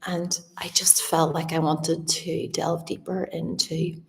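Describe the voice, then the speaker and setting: Low-voiced woman, slightly slushy lisp. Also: level tone, takes it slowly, vocal fry. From Northern Ireland. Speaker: artist and art teacher hosting a live Q&A. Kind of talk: casual livestream chat. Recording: echoey room, distant from the mic.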